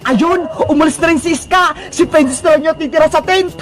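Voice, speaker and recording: High-voiced woman voicing cartoon children. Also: a little fast. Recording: music bed underneath.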